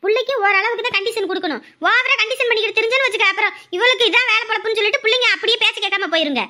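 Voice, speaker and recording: A woman playing a protective grandmother who bickers and scolds in quick, sharp talk. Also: very high-pitched. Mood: scolding. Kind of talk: family drama acting.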